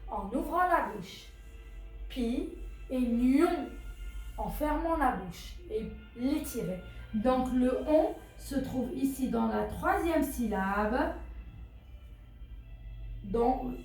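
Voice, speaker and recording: A high-pitched female teacher patiently guides children through a phonics exercise, repeating words and asking questions along the way. The room is very echoey, with faint music in the background.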